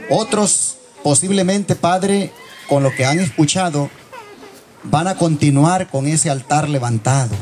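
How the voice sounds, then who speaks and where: A man's voice: fairly high pitch, a little slow, a little mellow, slight background noise. A middle-aged man leading an earnest, reflective spoken prayer in church.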